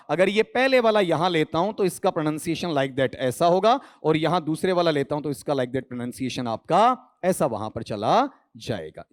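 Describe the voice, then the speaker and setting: A man from India leads an online exam-prep English lesson in a fairly high voice. He keeps throwing questions at his students and often answers them himself. He drops in teasing, joking asides along the way. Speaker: English teacher.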